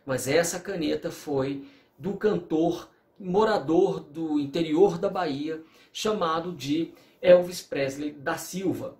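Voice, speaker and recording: A man's voice: fairly high pitch, takes it slowly, darkish tone, reverberant. A man teaching a recorded law lecture, explaining through worked examples and acting out bits of quoted dialogue. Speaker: law professor.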